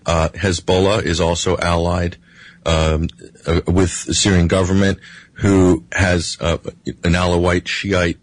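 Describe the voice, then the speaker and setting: A man with a husky voice giving analytical political commentary as an interview guest, emphatically laying out points one by one with halting starts. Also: sits low, flat delivery, dry recording, low-quality recording.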